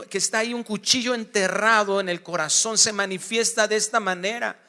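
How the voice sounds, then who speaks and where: Man, pastor's sermon, high voice, very sharp tone. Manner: animated preaching, acts out dialogue, swings from hushed to shouting.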